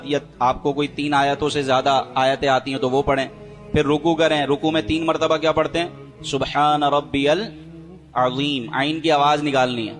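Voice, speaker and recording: A man with a fairly high voice explains each step of a prayer in order. He slows right down to recite the words and show how they should sound. Faint music plays behind him. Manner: demonstrates recitations slowly and deliberately. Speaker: religious teacher.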